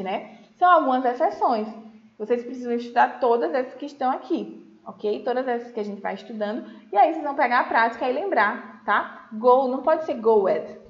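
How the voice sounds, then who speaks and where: A woman's voice: a little high, echoey room, dull audio. Patient Brazilian woman teaching a class. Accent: Brazilian Portuguese. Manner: patient, explains slowly, checks in with "tá?" and "certo?". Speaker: English teacher. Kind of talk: recorded remote class for children.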